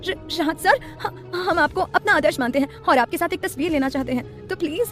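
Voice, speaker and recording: A woman's voice: extremely high pitch, expressive, a little fast, fairly bright tone, faint music behind, pitched above the performer's own voice. A woman voicing a nervous, eager schoolgirl fan in an audiobook, stammering and pleading.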